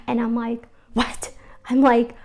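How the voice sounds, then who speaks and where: A Filipino arts organizer, interviewed for a documentary, shares personal stories in a casual, candid and reflective way, with fillers and laughter. Her voice is fairly high and creaky, a little mellow, with a slow, flat delivery.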